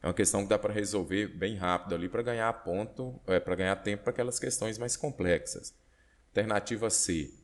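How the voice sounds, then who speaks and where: Male exam tutor, Brazilian accent, low voice, patient step-by-step explainer. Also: fairly quick. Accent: Brazilian Portuguese. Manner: explanatory, checks in with "ok?" and "né?". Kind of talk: online exam-prep lesson.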